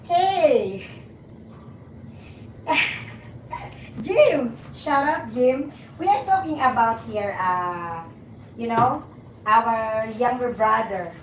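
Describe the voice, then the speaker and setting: An expressive, fairly high-pitched Filipino woman in her forties hosts a livestream, with a slight noise underneath. She banters and teases her viewers, laughs readily, and frequently restarts what she's saying. The mic is set back in a roomy space, so background ambience comes through.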